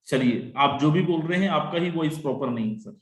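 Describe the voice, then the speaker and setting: A man's voice: a little high, expressive, fairly quick, reverberant. A man presenting an online sales webinar over a video call, talking persuasively, repeating "my friend" and mixing in English phrases.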